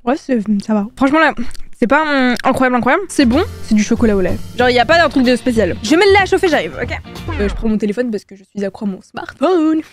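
A woman's voice: on the high side, lively intonation, fast, soft background music. A young woman reviewing products in a casual vlog, chatting playfully with slang and exaggerated sound effects. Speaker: YouTuber.

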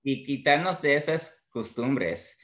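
A thoughtful man sharing his story on a podcast, speaking slowly and with care. His voice is bright and forward. He pauses and hesitates as he finds his words. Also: medium pitch, lively intonation. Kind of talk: candid personal talk.

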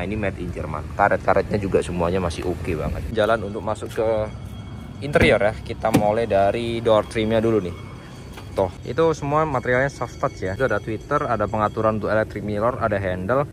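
Over background music, a man with a fairly low, fairly quick voice sells a used car in an informal, slangy, enthusiastic walkaround review to camera. He moves around the outside of the car and inside it, and the recording clearly picks up outdoor and car noise.

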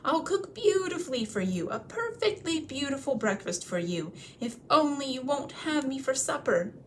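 A woman's voice: high-pitched, very animated, moderate pace, a little hiss or hum, pitched above the performer's own voice. A woman voicing a frightened, polite male hobbit who stammers and pleads breathlessly. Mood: pleading.

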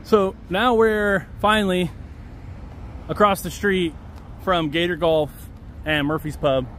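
A man's voice: high-pitched, fairly even intonation, slow pace, a bit bright. A man in his thirties narrating a casual walking tour outdoors, musing aloud as he points things out, recorded on a handheld camera. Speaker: vlogger giving a walking tour. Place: outdoors along a busy city street. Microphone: handheld camera mic with a front selfie view. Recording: outdoor street with faint traffic noise.

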